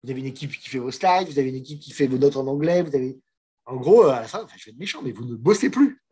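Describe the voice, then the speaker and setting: Chatty man, husky and mellow. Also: medium pitch, animated, quick pace. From France. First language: French. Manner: frank, chatty, many restarts and fillers. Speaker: managing director and guest speaker. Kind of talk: casual master class talk to students.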